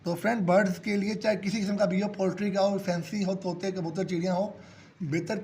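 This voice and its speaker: A man with a sore throat, hosting a bird-keeping channel, calmly explains medicine doses to viewers he calls friends. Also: high-pitched, a little fast, slight background noise. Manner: steady, repetitive explaining, addresses viewers as friends. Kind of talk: casual advice talk to viewers.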